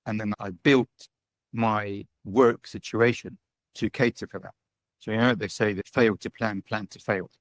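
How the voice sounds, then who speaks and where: With a lowish, steady voice at a measured pace, a UK man who's a digital nomad and business owner answers interview questions in a chatty way. He keeps adding "right?" and "you know" to his points, and the recording has no echo.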